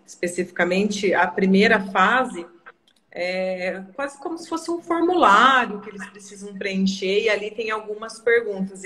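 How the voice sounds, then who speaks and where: A woman's voice: medium pitch, a bit bright. Chatty Brazilian woman host. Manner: chatty, laughs easily. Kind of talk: live online talk.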